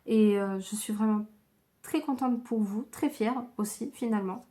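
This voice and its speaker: Frequent hesitations mark the speech of a tired woman giving a tarot reading to viewers. She is a card reader who keeps things slow, gentle, and low in energy.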